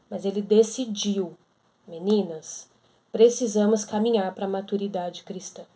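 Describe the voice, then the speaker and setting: Lady teaching the bible to women, chatty, warm mellow voice, acts out what people say. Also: medium pitch. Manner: conversational, acts out quoted objections.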